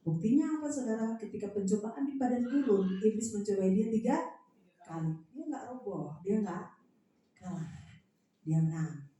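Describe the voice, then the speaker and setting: Woman preacher in a booming echoey hall. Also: moderate pace. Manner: lively, animated storytelling with swings in loudness. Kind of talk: sermon. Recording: very echoey hall, mic from a distance.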